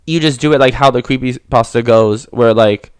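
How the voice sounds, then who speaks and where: A man's voice: mid-range voice, moderate pace, clean tone, dry recording, studio quality. A young man co-hosting a podcast in casual, playful chat, full of "like"s. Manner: playful, filler-heavy talk with many "like"s. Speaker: podcast co-host.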